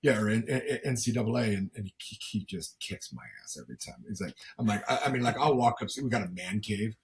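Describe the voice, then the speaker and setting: A middle-aged man with a gravelly smoker's rasp chats casually as a sports interview guest, often repeating words as he goes in a folksy, self-deprecating way. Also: lowish voice, lively intonation, brisk. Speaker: football commentator and former coach, as guest.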